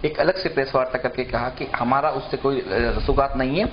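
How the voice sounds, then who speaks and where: A man moderates a televised political debate as a news anchor and puts questions to his guests with small hesitations. His voice sits at a middle pitch. The audio sounds dull and lo-fi, with faint noise behind it. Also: fairly even intonation, fairly quick. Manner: poses questions, mild hesitations.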